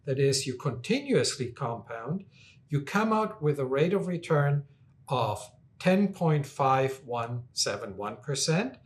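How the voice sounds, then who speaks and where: A man lectures through a recorded finance lesson, his voice sitting a bit high and moving with a lively, animated lift. He explains step by step and drops in dry, wry asides.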